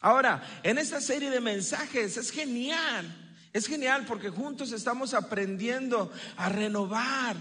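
A man preaching a sermon as a pastor, lively, with asides to the congregation and playful voices. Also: very high-pitched, unhurried, breathy edge. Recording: long reverb of a large hall.

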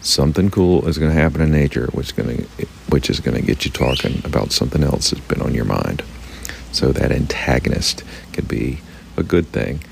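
A man with a hoarse, croaky frog voice, hosting a reflective, unscripted solo podcast. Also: a bass voice, a little fast, a little hiss or hum. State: temporarily hoarse. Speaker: podcast host.

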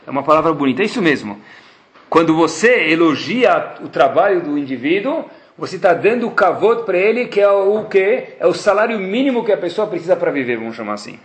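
This Torah class lecture comes from a rabbi with a Brazilian Portuguese accent, whose voice is fairly high and a little quick. In an echoey room, he tells his students stories with animation, performing the characters' lines himself.

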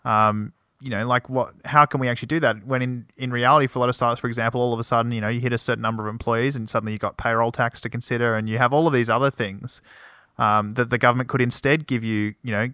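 A man talks rapidly in a casual panel discussion, hedging with frequent fillers. His timbre is bright and tense. The sound is dry and close. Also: mid-range voice, steady tone, smooth, no room sound.

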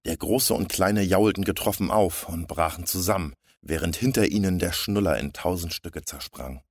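A man narrating a comic story in a steady storybook reading. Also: low-pitched, moderate pace, no room sound, clean studio sound.

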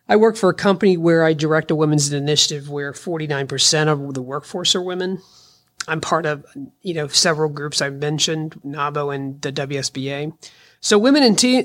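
Fifties woman podcast host, a bit of fry in the voice, chatty and encouraging. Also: low-pitched. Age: 50s. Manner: earnest, encouraging, conversational. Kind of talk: solo podcast talk.

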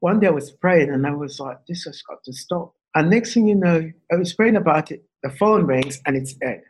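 A man from England, a podcast guest, telling a story with animated, acted-out quotes. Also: a little high, normal speed, husky, poor audio. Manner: animated, acts out quoted voices. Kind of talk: storytelling in a casual interview.

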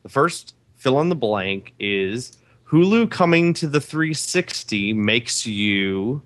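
A man's voice: mid-range voice, very animated, slow, a bit bright. A man hosting a casual gaming podcast, running a quiz game and laughing often.

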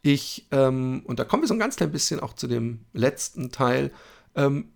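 A man's voice: mid-range voice, big pitch swings, moderate pace, gravelly. A man hosting a solo podcast, talking candidly and openly about his feelings, with many fillers, hesitations and restarts. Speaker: podcast host.

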